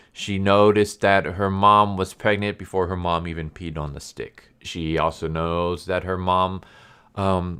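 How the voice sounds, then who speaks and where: A man's voice: low voice, fairly bright tone, smooth. A man who speaks English as a second language and says w for r, stumbling over words as he gives a casual, rambling comic book review. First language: a language other than English. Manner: says w for r, slows down on r sounds.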